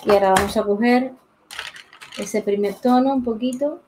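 This woman teaching drawing on a live stream speaks at a normal speed in a voice on the high side. She chats casually, thinks aloud and greets viewers by name while drawing. The background is noisy, and the desk mic sits by the pencil sharpener.

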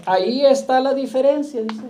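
A man pastor preaching a sermon, firing rhetorical questions at the congregation and slowing down to quote scripture. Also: very high voice, mellow.

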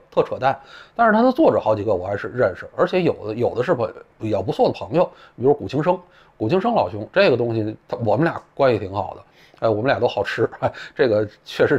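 A man talks through his views in blunt, colloquial commentary, throwing in profane asides. His pitch rises and falls in a lively way. The audio is dull and lo-fi. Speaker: political commentator. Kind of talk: casual spoken commentary.

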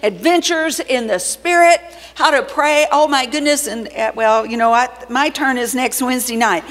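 A woman's voice: high-pitched, moderate pace, a bit bright, in a large hall. A woman pastor giving church announcements and teaching on prayer, with playful teasing banter. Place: large church sanctuary.

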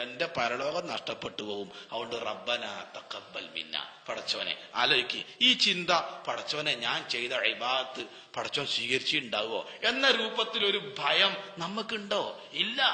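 A man preaching a Ramadan sermon, telling stories with rhetorical questions and swinging from loud to hushed. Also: high-pitched, in a large hall.

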